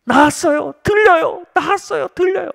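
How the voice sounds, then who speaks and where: A man's voice: extremely high pitch, moderate pace, creaky, in a large hall, pitched above the performer's own voice, exaggerated voice. A male preacher voicing a young man who cries out in joy as his hearing returns. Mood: overjoyed. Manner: excited, crying out.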